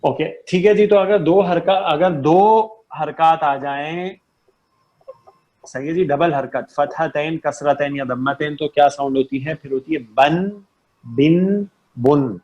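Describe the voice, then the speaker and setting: A man with a slightly higher than average voice leads an online recitation lesson. He explains patiently and drills each letter sound by repeating it several times. He keeps stopping to check that his students understand. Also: fairly even intonation, darkish tone, muffled recording. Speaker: Arabic and Quran recitation teacher. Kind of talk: online class lecture.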